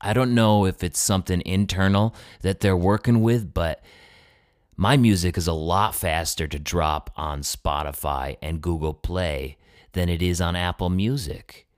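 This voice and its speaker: A man's voice: sits low, unhurried, no room sound, clean studio sound. A male singer-songwriter talking in a casual solo monologue, easygoing and chatty. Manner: easygoing, chatty self-promotion.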